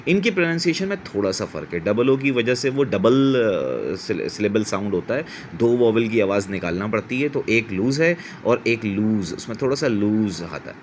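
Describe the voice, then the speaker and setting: Low-voiced male teacher explaining patiently. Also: very animated, moderate pace, few pauses, slight background noise. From Pakistan. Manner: patient, repeats words to model pronunciation; corrects himself mid-sentence. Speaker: English teacher. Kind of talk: explanatory vocabulary lesson.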